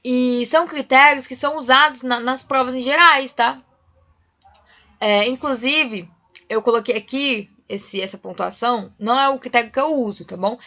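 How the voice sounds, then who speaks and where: A woman with a Brazilian Portuguese accent teaches a writing class remotely, walking through each point step by step. Her voice sits a little high and sounds bright and forward. She keeps checking in with her students through short tag questions.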